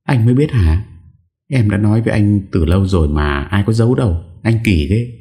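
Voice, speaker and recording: A man voicing a frightened young wife who pleads and pouts, speaking high and whiny. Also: expressive, fairly quick, dark tone. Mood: pouty teasing.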